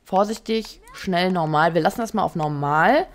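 A woman's voice: lowish voice, normal speed. A woman giving casual let's play commentary, chatty, reading menu options aloud and adding teasing asides.

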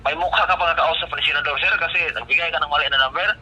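A man's voice: on the high side, steady tone, very fast, pushed and bright. A man making a scam phone call, repeatedly accusing and insulting the listener. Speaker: scam caller. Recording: noisy phone line.

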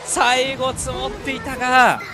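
Guy casting an esports match, high voice, analytical but excitable, game music and crowd behind him. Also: measured pace. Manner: analytical, bursts into shouts at key moments. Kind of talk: excited live play-by-play video game commentary.

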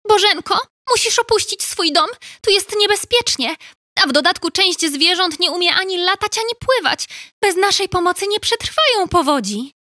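A brisk, helpful little sparrow boy from a children's storybook, as a woman narrator puts him on. He talks much higher than the narration, urgent and pressing. The sound is dry and close. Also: lively intonation, sharp tone, dry recording, full character voice. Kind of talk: storybook character voice.

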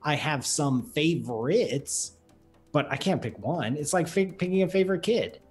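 A man in his thirties chatting casually as a guest on a video call, with a deadpan, wry manner. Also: on the high side, normal speed. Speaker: guest astrophysicist. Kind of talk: casual chat. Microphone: desktop microphone in front of him. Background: music.

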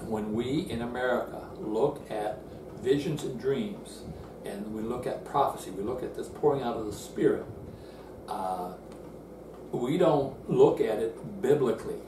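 Seated in an indoor room in front of a screen, an older Bible teacher speaks a little slowly in a mid-range voice. He explains verses earnestly, frequently restarting phrases, captured with distant, roomy, noisy sound.

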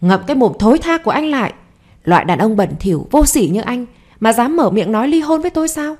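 A woman voicing a betrayed wife and mother in an audio story, delivering sharp, scolding outbursts. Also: a little high, normal speed, natural voice. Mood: furious.

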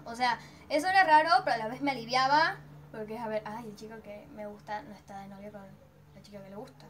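A woman's voice: a little high, fast, a bit bright, a little hiss or hum. A teenage girl with an Argentine accent telling a personal story in a chatty vlog, dramatically acting out her own reactions. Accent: Argentine Spanish. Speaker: vlogger.

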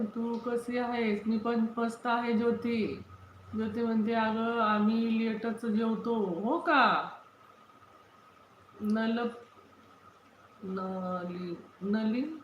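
Woman reading out comments on her live, roomy echo, a bit of hiss. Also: a little high. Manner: chatty, greets viewers by name, repeats questions. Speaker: livestream host. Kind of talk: casual livestream chat reading viewer comments. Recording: roomy, dull lo-fi phone audio.

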